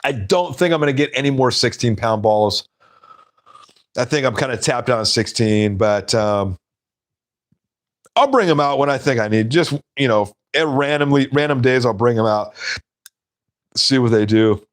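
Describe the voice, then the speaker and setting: A man's voice: mid-range voice, normal speed, pauses often. Chatty man hosting a live stream. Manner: rambling, laughs at his own stories. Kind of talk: casual live stream chat.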